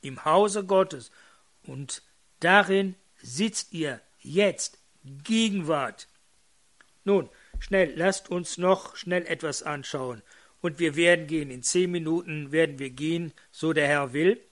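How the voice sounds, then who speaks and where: A man's voice: fairly high pitch, slow pace, fairly bright tone. A man preaching a fervent sermon, quoting scripture and calling out exclamations to his congregation.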